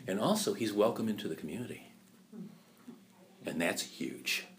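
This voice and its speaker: A man giving a lecture, chatty and animated, often asking rhetorical questions and laughing at his own points. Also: fairly low pitch, normal speed, slight background noise. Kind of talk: lecture on musical theater history.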